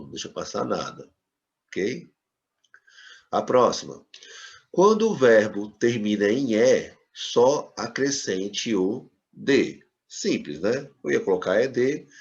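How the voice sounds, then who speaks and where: A man teaching an English lesson to Brazilian students, explaining patiently and repeating words slowly for them. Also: on the low side. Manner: patient, repetitive explaining, checks in with "tá certo?". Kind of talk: recorded classroom lesson. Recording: dull lo-fi sound.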